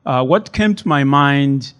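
Man, from zambia, middle-aged, church sermon, slow, halting, lots of fillers. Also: medium pitch, animated, a bit bright, clean tone. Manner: measured, hesitant with many fillers. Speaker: guest preacher.

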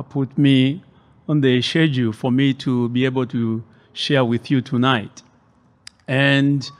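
Guest preacher, man from Zambia, middle-aged, slow deliberate delivery full of pauses and fillers, mid-pitched. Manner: measured, hesitant with many fillers. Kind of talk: sermon. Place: church.

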